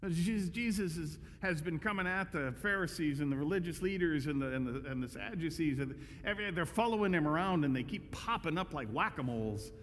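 A man's voice: on the high side, animated, a little fast, few pauses, fairly bright tone. A male pastor preaching a conversational, emphatic sermon with frequent restarts. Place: church sanctuary. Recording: echoey church hall.

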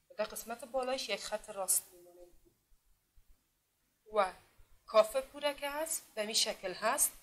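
A woman teaching literacy in a classroom, speaking with an Afghan Dari accent, patiently repeating herself and sounding out letters slowly. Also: a little high, a bit bright, slight background noise. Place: classroom with a board.

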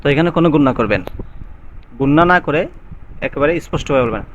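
A man teaching the call to prayer, explaining pronunciation rules and chanting the words slowly and drawn out. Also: mid-range voice, lively intonation. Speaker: azan teacher. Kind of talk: recitation lesson. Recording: dull lo-fi sound, faint background noise.

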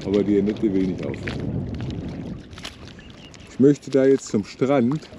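Filming a casual sailing vlog from a sailboat on a lagoon, a man in his sixties keeps up a running commentary, wryly teasing his partner. His lively pitch swings widely, his pace a little slow. The sound is muffled, with outdoor wind and water noise.

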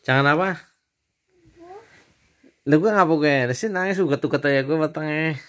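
A man, a father filming a home video and gently teasing his daughter. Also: fairly high pitch. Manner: teasing, coaxing, slow-spoken. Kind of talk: casual family home video.

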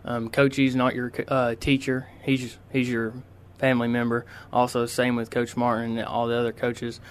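A teenage boy, a high school football player answering interview questions politely, with lots of ums and uhs. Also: clear, resonant tone. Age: teens. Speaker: high school quarterback guest. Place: radio studio.

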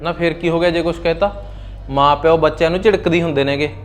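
A man's voice: steady tone, quick pace, soft background music, natural voice. An actor with a Punjabi accent playing a young husband who lectures his wife and soothes his parents in a short drama. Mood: exasperated. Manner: firm, lecturing, mostly low-voiced. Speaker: son and husband. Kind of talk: Punjabi short film acting.

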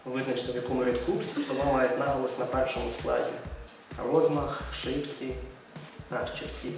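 A man's voice: medium pitch, little pitch movement, normal speed, gravelly. A young man in casual chat, boasting and bantering while answering quiz questions. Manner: joking, cocky banter. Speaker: friend taking a quiz. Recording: echoey room, mic at a distance, music behind.

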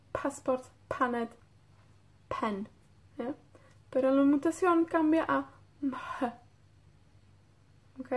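This Welsh woman has a high, darkish voice and a North Welsh accent. She teaches a beginner Welsh class in Spanish, patiently checking on her students and drilling vocabulary.

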